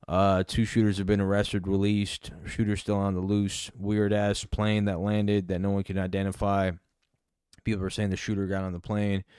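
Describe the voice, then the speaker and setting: Low, smooth-voiced male commentator. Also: completely flat delivery, moderate pace, darkish tone, dry recording, studio quality. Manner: loose and rambling, many fillers and swearing. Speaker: political commentator host. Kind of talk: casual reaction commentary.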